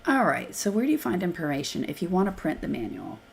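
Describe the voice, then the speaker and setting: A woman with a hoarse voice from being sick hosts a live software demo and answers questions, talking casually as she clicks through screens. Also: fairly low pitch, big pitch swings, fast talker, faint music behind. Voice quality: gravelly, hoarse. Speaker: software trainer hosting a live Q&A.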